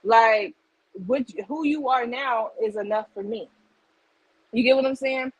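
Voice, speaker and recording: A woman's voice: a little high, measured pace, husky, dry recording, muffled recording. Woman, live psychic tarot reader, casual rambling chat, lots of fillers, close dry sound. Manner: rambling and conversational, heavy on "like" and "you get what I'm saying". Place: home livestream setup.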